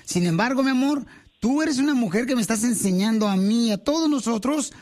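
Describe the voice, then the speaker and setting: A man hosting a lively radio talk show, animated and playful, calling his guest pet names. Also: very high voice, fairly quick.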